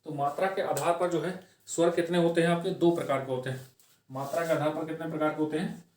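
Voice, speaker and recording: A man runs an exam-prep grammar lesson, asking questions and answering them himself. He repeats key phrases slowly and keeps checking in with a quick "okay". His slightly raised voice comes from some way off the mic in a reverberant room. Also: fairly high pitch, fairly even intonation, a little mellow, a little hiss or hum. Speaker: Hindi grammar teacher. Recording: echoey room, voice from far off the mic.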